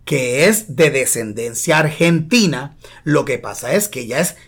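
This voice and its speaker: A man's voice: mid-range voice, unhurried, husky. A man, hosting a casual podcast chat and switching between Spanish and English. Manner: animated, mixes Spanish and English. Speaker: podcast host.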